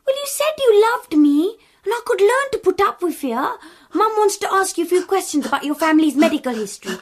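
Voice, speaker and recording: High-pitched, pushy young British woman. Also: big pitch swings, fairly quick. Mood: cheeky, insistent. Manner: cheeky, bossy. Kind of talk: radio comedy-drama acting.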